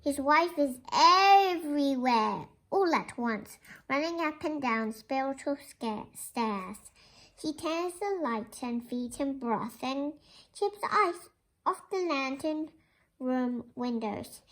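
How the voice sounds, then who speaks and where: A child presenter reads a picture book aloud with lots of expression, offering chatty asides and sing-song repeated greetings to young listeners. The voice sits high and moves at a slow pace.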